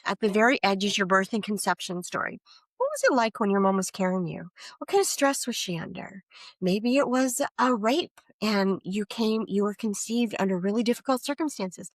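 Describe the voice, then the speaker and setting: A middle-aged woman talks casually as a guest on a podcast, explaining her work. She breaks into the voices of people she quotes as she tells her stories. Her voice is recorded dry, with no room echo. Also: medium pitch. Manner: animated storyteller, acts out quoted voices. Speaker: energy coach guest.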